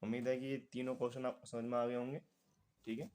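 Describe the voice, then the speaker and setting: A man's voice: mid-range voice, flat delivery, fast, darkish tone, clean tone. A man with a Hindi accent leads a step-by-step math lesson in a mid-range voice. He is patient and talks through every calculation aloud as he works. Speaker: math teacher.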